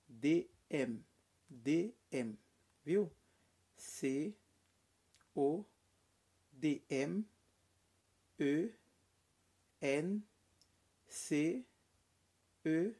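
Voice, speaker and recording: A male teacher leads a beginner French lesson at an unhurried, very slow pace. His voice is mellow and a little husky, and he repeats each letter twice with patient, deliberate care. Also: fairly high pitch.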